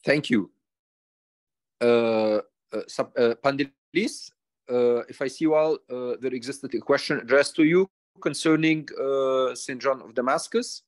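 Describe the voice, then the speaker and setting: A man's voice: mid-range voice, unhurried, no room sound. A man moderates an academic panel and keeps his remarks short and procedural. His voice sounds dry and close to the microphone.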